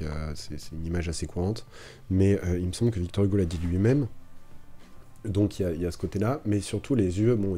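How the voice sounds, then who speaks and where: Male teacher, low voice, very dark tone; casual streamed lesson with fillers and self-corrections. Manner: thinks aloud with many fillers and restarts. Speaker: French literature teacher streaming revision. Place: home streaming setup. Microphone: streaming microphone.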